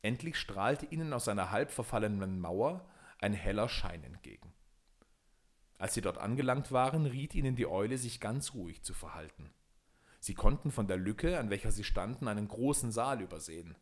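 A man narrating a fairy tale audiobook in a measured, expressive storytelling manner. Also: lowish voice.

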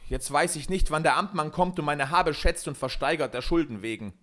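A man voicing a reckless, hot-tempered young male gambler who shouts in agitation. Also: on the high side, a little fast, voice pushed up, natural voice. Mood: angry.

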